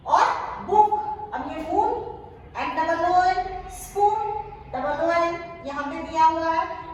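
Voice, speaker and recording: A woman teacher giving a phonics lesson, spelling English words letter by letter and repeating them slowly. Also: very high-pitched. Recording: echoey room, far from mic, faint noise.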